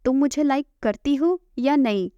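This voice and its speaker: A woman's voice: high voice, normal speed, warm tone, no room sound, natural voice. A woman reading a teasing, persistent young man. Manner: quoted plainly in the narrator's own voice. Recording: dull lo-fi, dry.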